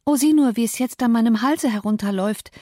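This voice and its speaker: A woman's voice: quick pace, mellow, no echo, studio quality, close to an everyday voice. Woman voicing a breathless, bitter young woman. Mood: bitter agitated. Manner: breathless, agitated, higher pitched.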